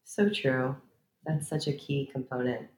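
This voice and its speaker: A woman's voice: very deep voice, steady tone, unhurried, a little mellow. A woman interviewer in a conversational interview, giving brief, emphatic agreeing replies. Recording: echoey room, heard from off-mic.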